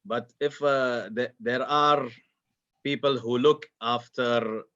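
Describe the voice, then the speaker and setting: A man speaking as a panelist in a live discussion, halting, with many pauses and restarts. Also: mid-range voice, steady tone, pushed and bright, muffled recording.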